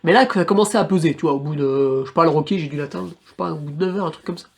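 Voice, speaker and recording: A man's voice: on the high side, racing, creaky, slightly rough. A young man, a trail runner, recounting his race in a casual, slangy and crude storytelling manner.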